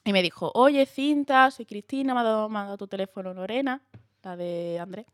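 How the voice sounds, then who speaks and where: A young woman from Andalusia, chatting as a guest and telling lively stories with laughs. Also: mid-range voice, a little fast, no room sound, studio quality. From Andalusia, Spain. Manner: lively storyteller, laughs often, acts out quotes. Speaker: guest actress. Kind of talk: casual chat.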